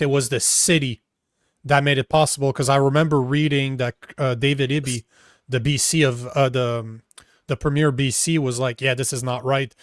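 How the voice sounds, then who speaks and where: A man's voice: mid-range voice, dry recording, clean studio sound. A man co-hosting a political talk show, chatting loosely and recalling news he has read. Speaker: podcast co-host. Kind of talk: casual political chat.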